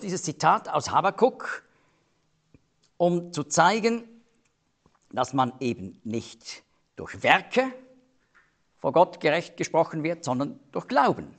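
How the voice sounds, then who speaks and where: Man, Bible teacher, slow deliberate delivery, fairly high voice. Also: a bit bright. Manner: explains slowly and deliberately, stressing key words.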